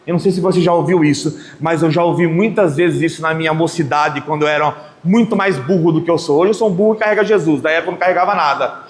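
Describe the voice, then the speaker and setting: A middle-aged man from Brazil, a lay preacher telling stories in a sermon at a prayer group, dramatic and swinging between loud bursts and soft asides. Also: fairly high pitch, fast talker, few pauses. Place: prayer group meeting hall. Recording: echoey hall with long reverb, faint room noise.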